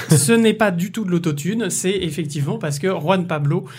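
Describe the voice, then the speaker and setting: A man's voice: sits high, moderate pace, darkish tone, breathy edge. A man hosting a casual podcast interview, chatty and jokey, full of fillers. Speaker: podcast host.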